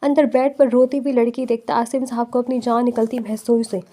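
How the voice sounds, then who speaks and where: A woman narrating a romance novel with steady storytelling. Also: a little high.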